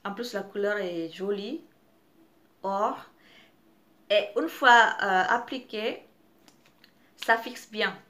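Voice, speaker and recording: Slow, hesitant woman reviewing makeup. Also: medium pitch, a bit bright. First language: not French. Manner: hesitant, many fillers and restarts. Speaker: beauty vlogger. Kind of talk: casual product review.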